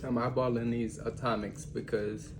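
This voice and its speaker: A woman's voice: extremely low pitch, level tone, normal speed. A woman hosting a mukbang, chatting casually in an eating-video style. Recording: clearly noisy room recording.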